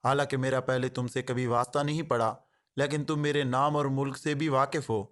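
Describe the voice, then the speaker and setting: A man's voice: mid-range voice, flat delivery, fairly bright tone, close to an everyday voice. A man reading as a sneering gang boss. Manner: sneering, sarcastic, harsh. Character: short, arrogant male gang boss, sneering and harsh.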